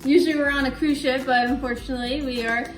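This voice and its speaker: A chatty woman with a high, light voice hosts a relaxed question-and-answer chat at home and giggles between her remarks. Her voice sounds echoey in the room, with faint music underneath. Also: quick pace. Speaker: host.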